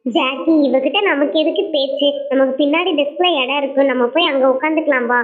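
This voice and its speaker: Lady doing a snippy jealous schoolgirl doll in a toy doll show, high squeaky voice, taunting and scornful, tinny phone-ish sound. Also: a little fast, natural voice.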